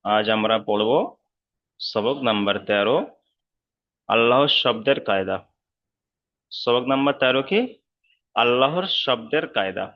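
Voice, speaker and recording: A man's voice: medium pitch, unhurried, long pauses. Male online teacher, patient and repetitive, dull video call audio, checks students often. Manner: patient, repeats rules many times, checks understanding. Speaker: Quran reading teacher. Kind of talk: online class lesson.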